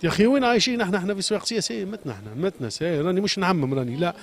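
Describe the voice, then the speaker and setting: A rapid-fire, high-pitched man's voice with lively intonation belongs to a Sfax shoemaker with a Tunisian Arabic accent. Interviewed on the street, he unloads a heated, agitated complaint, pleading and asking his questions over and over.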